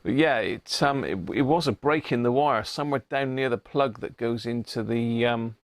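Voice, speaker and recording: On his radio hobby channel's live stream, a middle-aged man with an English accent talks informally, rambling and musing aloud while he shows things off. He has a medium-pitched voice at normal speed. Captured on a wireless body-pack mic, the sound has no echo.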